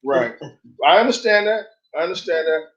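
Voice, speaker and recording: A middle-aged man, a married father, telling a story in an earnest, measured way over dull lo-fi audio. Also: on the high side, lively intonation, fairly bright tone, reverberant. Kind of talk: reflective storytelling.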